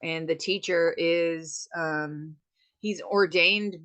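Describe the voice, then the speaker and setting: A woman's voice: on the low side, fairly even intonation, takes it slowly, a bit bright. A middle-aged woman, a meditation teacher, speaking reflectively in a conversational interview with loose, rambling restarts.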